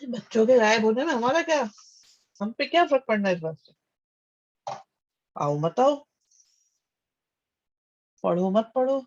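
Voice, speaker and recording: A man's voice: very high-pitched, expressive, a little slow, pauses often, lo-fi sound. A man teaching maths in a live online class. He calls students "beta," reads out their names, praises their answers and repeats his questions back to them.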